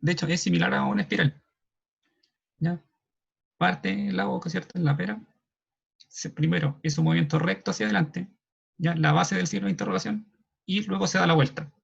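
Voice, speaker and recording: A man with a Chilean Spanish accent explaining signs in an online class, checking in often with a quick questioning "ya". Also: high voice, fairly even intonation, creaky, slightly rough. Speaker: sign language class moderator. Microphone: video call. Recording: dull lo-fi video call audio.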